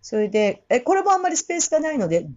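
Woman teaching english pronunciation in japanese, bouncy pitch, mellow voice, kinda dull sound. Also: sing-song. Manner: explains in Japanese, breaks off to sing and repeat English phrases slowly.

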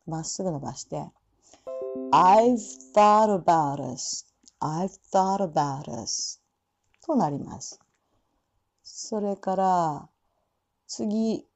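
A woman teaching English pronunciation, repeating phrases slowly and pausing on fillers as she demonstrates sounds. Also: medium pitch, mellow, muffled recording. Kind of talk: spoken lesson with demonstrations.

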